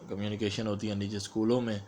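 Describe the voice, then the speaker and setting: Pakistani-accented man, a teacher explaining exam questions, lowish voice, faint noise behind. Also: little pitch movement, warm tone. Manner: explains step by step, mixing English terms into Urdu, reads questions aloud slowly. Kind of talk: explanatory exam-prep lecture.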